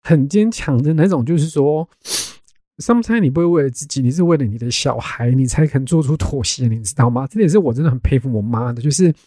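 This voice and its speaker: A young man hosting a podcast, telling a family story in a casual, animated way and dropping in English words. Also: mid-range voice, fast talker, slightly rough, dry recording, clean studio sound. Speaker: podcast host.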